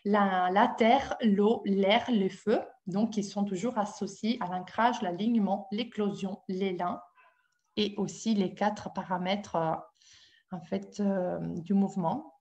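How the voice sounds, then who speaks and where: A woman's voice: medium pitch, fairly even intonation, slow, darkish tone, highs cut off. A woman with an Italian accent leading a webinar as a dance-movement therapist, talking to her audience with many hesitations and questions. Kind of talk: live webinar talk.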